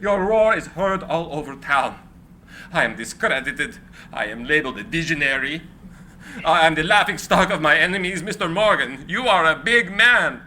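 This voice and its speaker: In a theatrical, impassioned script reading, a man plays a brilliant, eccentric inventor who is proud yet desperate, sounding indignant. His voice is a little high, pushed and bright, with lively intonation, and he halts when agitated. It's a live room recording with faint background noise.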